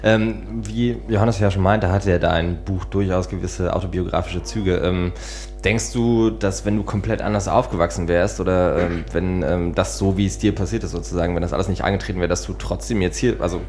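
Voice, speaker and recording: Man, co-host, very low voice, rapid talk, many fillers. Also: fairly even intonation, darkish tone, soft background music. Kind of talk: casual interview talk.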